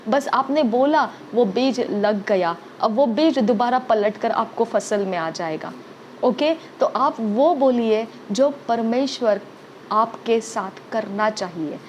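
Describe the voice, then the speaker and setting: A woman preacher delivers a sermon in a fairly high voice, driving her points home with repetition and frequent "okay?" checks. Faint ambient noise sits under her voice. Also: expressive, slow.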